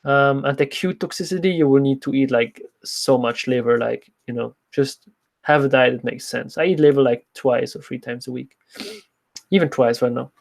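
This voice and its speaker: His voice sits in the mid range with a creaky quality and a moderate pace. The young livestream host, a nutrition coach who isn't a native English speaker and also speaks French as a second language, answers his viewers' questions casually and informally.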